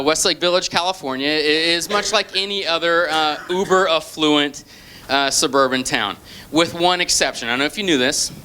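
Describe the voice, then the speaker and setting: A middle-aged man from Portland, Oregon, telling a stand-up comedy story on stage with punchy, deadpan asides. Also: a little high. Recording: noisy live club recording. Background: audience laughter.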